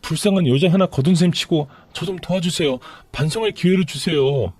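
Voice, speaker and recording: A man voicing a desperate, pleading young pregnant woman in a storytelling radio drama, whining and begging in a shrill tone. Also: brisk, a little mellow, lightly acted.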